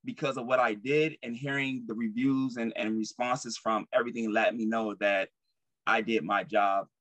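On a video call from home, a young actor talks casually and sincerely as a guest, frequently saying things twice. He has a medium pitch, fairly even intonation and normal speed, with a fairly bright tone; the recording is low quality with no room sound.

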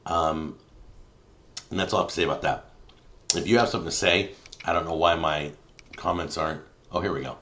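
A man hosting a live stream, giving his opinion to viewers in an emphatic way and getting louder and then muttering under his breath as he reads comments. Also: a bass voice, steady tone, a little fast, long pauses, a little hiss or hum. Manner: opinionated, emphatic, swings between loud and muttering. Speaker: YouTube cooking show host.

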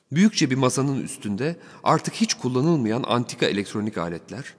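Male narrator for a first-person audiobook, wry and animated, long hall reverb. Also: medium pitch, breathy edge.

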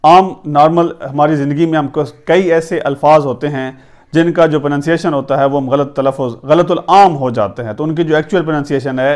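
A man teaching English pronunciation in an Urdu lesson, spelling words letter by letter and repeating each one. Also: fairly high pitch.

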